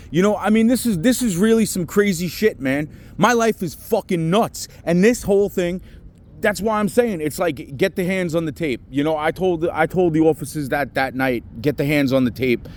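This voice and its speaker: A middle-aged man calls the police and vents over the phone, agitated and rambling, swearing heavily. His voice is a little high with a darkish tone. The call is noisy, with traffic audible behind him.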